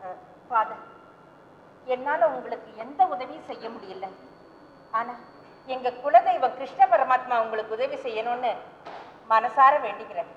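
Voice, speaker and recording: A woman's voice: a little high, normal speed, pauses often, slight background noise, close to an everyday voice. An actress playing an anxious mother of two who hesitantly pleads and confesses, in an old stage play recording. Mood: pleading. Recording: roomy hall, dull lo-fi old stage recording.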